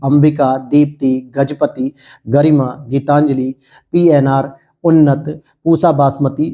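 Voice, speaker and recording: Husky-voiced man quizzing and answering himself. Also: a little high, mellow. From India. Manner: asks questions then answers them himself. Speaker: exam coaching teacher. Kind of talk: exam prep lecture.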